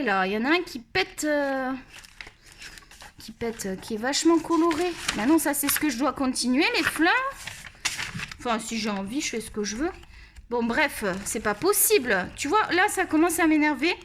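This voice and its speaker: Bright-voiced chatty woman. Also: high voice. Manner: chatty, rambling, scolds her pet. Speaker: art vlogger. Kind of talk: chatty product show-and-tell. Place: home.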